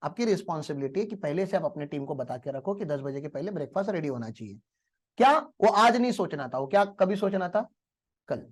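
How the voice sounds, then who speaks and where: A man's voice: fairly high pitch, expressive, brisk. A male teacher giving a motivational lecture in a classroom, telling stories and asking the class rhetorical questions.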